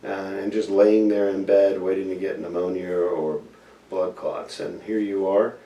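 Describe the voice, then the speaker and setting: Talking directly to the audience, a male surgeon questions his patient and lays out procedures simply. He speaks low and flat at a measured pace with a warm tone, though the highs are cut off; the mic sits far away in a room with echo.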